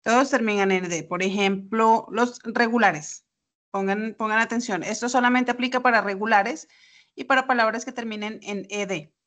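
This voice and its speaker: A woman's voice: on the high side, normal speed, fairly bright tone. A woman, teaching English pronunciation in an online class, patiently explaining step by step with examples over a video call. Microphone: computer mic on a video call.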